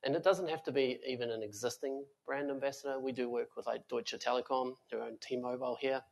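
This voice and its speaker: A man with a medium-pitched, fairly even, creaky voice talks fairly quickly as a guest on a conference panel. He's a tech company founder on a stage before an audience, sounding earnest and full of fillers and restarts.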